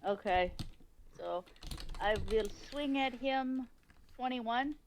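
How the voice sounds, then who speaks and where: A woman's voice: fairly high pitch, takes it slowly, slight background noise. A woman playing a tabletop game, casually working out her attacks and dice totals.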